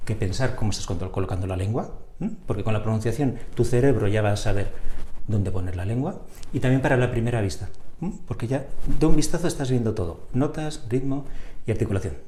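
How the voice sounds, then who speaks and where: Man, music teacher, sings practice syllables, warm mellow voice, echoey room, faint noise. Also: lowish voice, fairly quick. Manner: demonstrates articulation by singing syllables; checks in with short "mm?". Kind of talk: instrument lesson with spoken syllables. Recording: roomy echo, faint noise.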